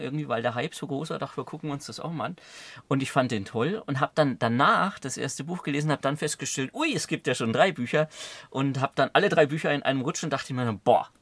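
A man's voice: mid-range voice, fairly bright tone, no echo. A young man hosting a casual podcast chat, playful and full of puns, recorded in a small studio. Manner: playful, punning, laughs easily. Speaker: podcast host, film magazine editor.

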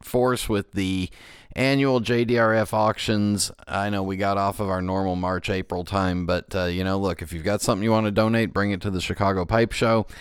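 Clear, low-voiced American man hosting a podcast. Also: fairly even intonation, moderate pace, no room sound, clean studio sound. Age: middle-aged. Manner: rambling, dryly joking asides. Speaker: podcast host. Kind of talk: casual radio-show talk.

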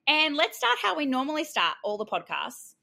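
A woman hosts a casual interview podcast with a bubbly, jokey manner and frequent laughter. Her voice is bright and a bit high. She sounds lively and eager. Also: normal speed, gravelly. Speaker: podcast host, dental hygienist.

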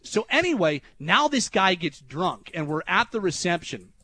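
Animated high-voiced male radio host. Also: normal speed, no room sound. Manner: animated, gets loud and high when retelling anger. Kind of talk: casual storytelling on talk radio. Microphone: studio microphone.

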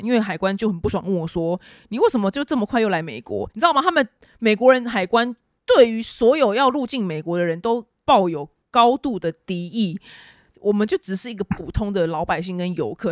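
A woman's voice: medium pitch, no room sound, clean studio sound. A woman hosting a casual news podcast, chatty and exasperated, ranting with sarcastic asides. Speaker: podcast host.

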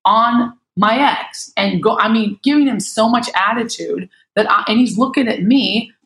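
A middle-aged American woman in casual panel talk, an animated storyteller who acts out what people said. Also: on the high side, moderate pace, low-quality recording. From United States. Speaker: panel guest.

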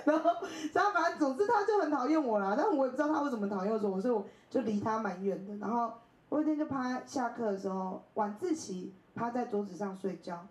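A woman's voice: a little high, fast talker, reverberant, low-quality recording. Woman, 30s, chatty storytelling talk at a bookstore, laughs a lot, voice bounces around the room. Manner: animated, laughs often, acts out quoted voices. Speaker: invited speaker. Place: bookstore event space.

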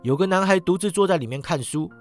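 A man reading a story aloud, expressive, his voice rising and sinking with the scene. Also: high voice, fast talker, soft background music. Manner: expressive, rises and sinks with the scene. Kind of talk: storytelling narration.

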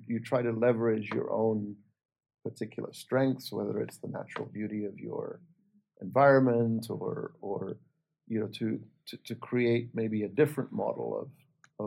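A man's voice: lowish voice, gravelly, breathy edge, muffled recording. A man leading a thoughtful conversational discussion, hesitant, circling his phrases and repeating words as he builds a point. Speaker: interviewer in a discussion.

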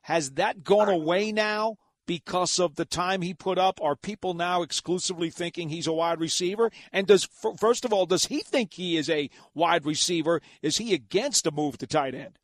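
Brief Male radio host, brisk interviewer, dry close sound. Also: sits high, no echo. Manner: brisk, pointed questioning.

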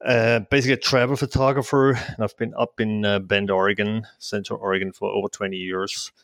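This casual interview features a Swiss travel photographer in his fifties, Swiss-accented, who laughs at himself, chuckles often and keeps restarting. His voice sits on the low side with little pitch movement, slightly fast and a bit bright, recorded at studio quality with no echo.

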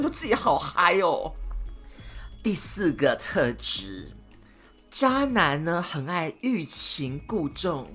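An animated woman host gives dating advice in a casual storytelling way. Her lowish voice swoops widely as she dramatizes each scene. Soft music plays faintly underneath.

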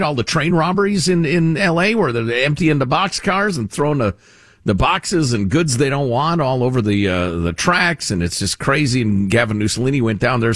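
A male talk show host delivering sarcastic, opinionated commentary. His pitch swings widely as he talks, often restarting his sentences. The recording is dry and close to the mic. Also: dry recording. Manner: sarcastic and animated, with frequent restarts.

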